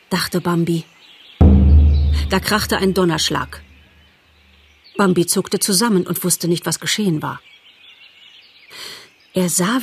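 A woman narrating a storybook in a calm, measured way, as an audiobook reader. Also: on the low side, slightly rough.

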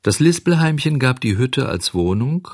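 Male audiobook narrator, expressive, dry close recording. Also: mid-range voice, husky, no room sound. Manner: measured, expressive storytelling. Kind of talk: audiobook reading of a children's story.

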